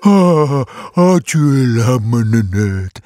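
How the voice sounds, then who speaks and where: A man voicing a gentle, naive male donkey who talks slowly and earnestly in a storybook reading. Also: mid-range voice, very animated, no echo. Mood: anxious. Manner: slow, soft, earnest, turns frantic. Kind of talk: storybook character voice. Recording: close dry voice with soft music.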